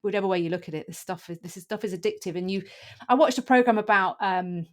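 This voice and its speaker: Thoughtful woman doctor hosting a podcast. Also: mid-range voice. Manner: thoughtful, measured, frequent affirming murmurs. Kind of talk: casual conversation.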